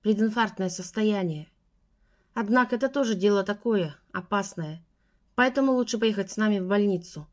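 A woman voicing a calm elderly male doctor who explains things in a measured, reassuring way. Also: mid-range voice, lightly acted.

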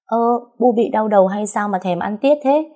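A woman voicing a feisty, sharp-tongued young wife who teases and argues cheekily. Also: on the low side, animated. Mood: feigned concern. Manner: cheeky, teasing, quick to argue.

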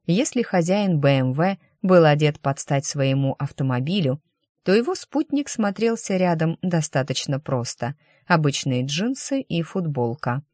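A narrator reading a story aloud in an even, steady audiobook style. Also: mid-range voice, measured pace, no room sound, clean studio sound.

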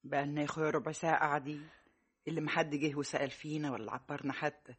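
A woman's voice: low voice, little pitch movement, racing, breathy edge. An actress playing a proud, easily offended middle-aged mother in an Egyptian radio drama, speaking in an indignant, sarcastic way.

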